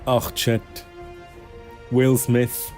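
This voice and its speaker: Slow-talking Swiss streamer man. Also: mid-range voice, completely flat delivery, a little mellow, soft background music. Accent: Swiss German. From Switzerland. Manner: chatty, talks to chat, slips into English exclamations. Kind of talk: casual live-stream chat while gaming.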